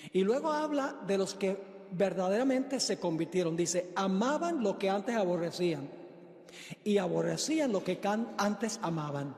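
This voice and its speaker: High-voiced preacher in an echoing hall. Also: male voice, a little mellow. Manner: storytelling, emphatic, addresses the congregation. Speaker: pastor. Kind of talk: sermon. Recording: echoey hall.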